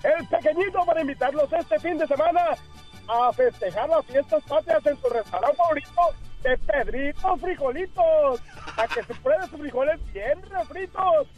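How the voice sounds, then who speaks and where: A man with an extremely high voice reads mock radio commercials. He is playful and announcer-like, with faint music behind him. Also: expressive, moderate pace, a little mellow, lo-fi sound.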